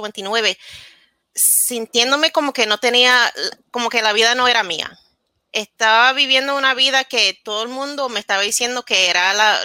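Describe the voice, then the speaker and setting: Speaking as a guest in a casual interview, a New Jersey woman in her thirties shares her story openly and drops English words into the middle of her sentences. Her voice sits on the high side, pushed and bright, and the recording is dry.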